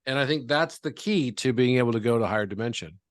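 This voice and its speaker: A man with a mid-pitched voice who is a guest in an interview. He explains calmly and patiently, walking through examples one step at a time. The sound is dry, with no room echo. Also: quick pace.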